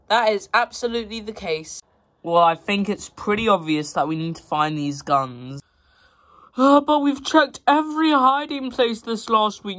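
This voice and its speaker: A woman acting out every toy in a homemade toy-train story, often jumping to high, excited outbursts.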